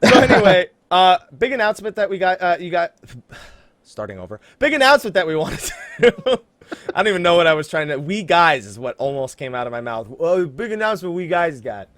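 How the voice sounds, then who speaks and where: Brisk and sing-song, this man's high, fairly bright voice comes through with no echo as he hosts a casual gaming podcast. The American from New Jersey jokes while making announcements, informally stopping to laugh and ad-lib.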